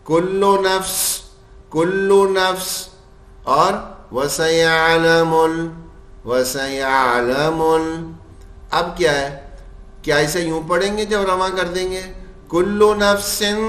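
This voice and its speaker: In an echoey room, a fairly high-pitched man instructs a class on Quran recitation rules. He slowly chants the sample verses and answers the very questions he asks.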